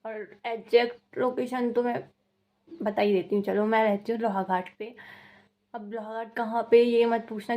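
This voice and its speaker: A woman's voice: a little high, warm tone. A young woman from Uttarakhand chatting casually in a vlog, reading out viewer questions and answering them in a rambling, repetitive way. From Uttarakhand, India. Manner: chatty and rambling, repeats herself, laughs at the questions. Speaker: vlogger.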